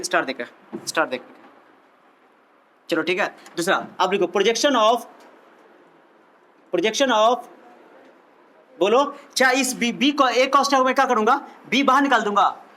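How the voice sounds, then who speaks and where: A man's voice: high-pitched, expressive, moderate pace, pauses often, bright, forceful tone. A male physics teacher giving a classroom lecture, playful and teasing, repeating questions back to his students.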